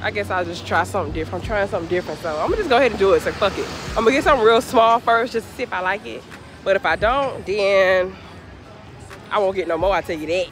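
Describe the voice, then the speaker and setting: A woman's voice: medium pitch, fast, noisy background. A woman vlogger chatting casually to camera in a frank, rambling way, with lots of swearing. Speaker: travel vlogger.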